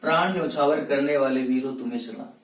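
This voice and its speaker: A man's voice: mid-range voice, quick pace. A man teaching a Hindi grammar lesson for exam preparation. He asks questions and answers them himself, and he repeats words as a drill. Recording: echoey room, mic at a distance.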